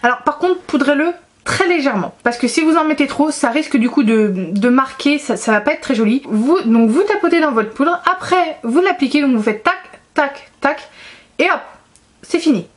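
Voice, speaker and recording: Brief: young female beauty vlogger, gushing and chatty, voice a bit higher than most. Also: fairly quick, hardly any pauses. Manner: chatty and enthusiastic, many fillers. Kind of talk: casual product review.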